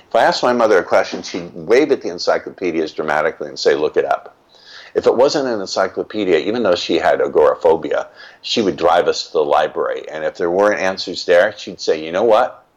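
A man's voice: low voice, lo-fi sound. An older man, a guest in an interview, telling stories from his life in a reflective, emphatic way. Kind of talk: reflective storytelling.

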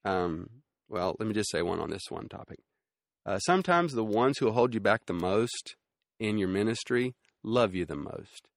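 A man's voice: on the low side, animated, normal speed, vocal fry, no room sound, clean studio sound. A man preaching a sermon in a conversational teaching style, with fillers and restarts and emphatic repetition.

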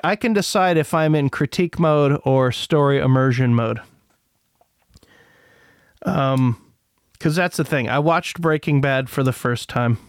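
A man's voice: mid-range voice, clear, resonant tone, no echo, clean studio sound. A man hosting a podcast, talking in a rambling, profane, opinionated way. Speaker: podcast host. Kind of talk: casual monologue.

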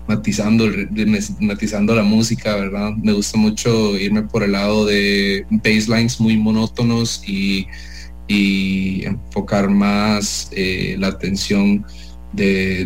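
Dj guy on a radio chat, low flat voice, lots of eh and restarts, bit of music behind. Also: rough recording. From El Salvador. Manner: hesitant, full of "eh" and restarts. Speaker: DJ guest. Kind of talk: casual radio interview.

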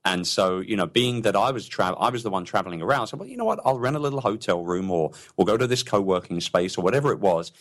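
Guy with a really low voice, chatty and rambly, keeps restarting sentences. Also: sing-song, quick pace, few pauses. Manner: enthusiastic, rambling with many restarts. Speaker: entrepreneur guest. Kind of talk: casual interview talk.

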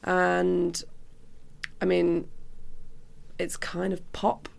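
A woman's voice: on the low side, completely flat delivery, very slow, gravelly. A young woman from Cumbria with a British accent, chatting casually and informally as an interview guest. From Cumbria, England. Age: young adult. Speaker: musician guest.

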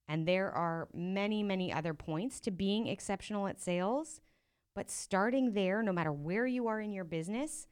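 Smooth-voiced woman coaching listeners. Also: fairly low pitch, darkish tone. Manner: direct, encouraging, asks rhetorical questions. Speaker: podcast host and profit coach. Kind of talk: solo podcast coaching talk.

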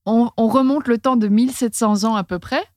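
A woman's voice: fairly high pitch, a little fast, a little mellow, no echo, clean studio sound. A woman hosting a casual comic storytelling chat, talking loosely with slang and laughing as she goes. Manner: chatty, laughs while telling, slangy. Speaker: storyteller host.

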